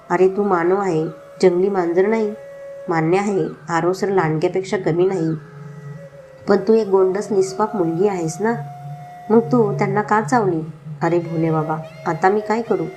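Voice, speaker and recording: A woman voicing a feisty young woman who speaks in an indignant, sharp way in a storybook reading. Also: mid-range voice, steady tone, normal speed, soft background music, lightly acted. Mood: fretful.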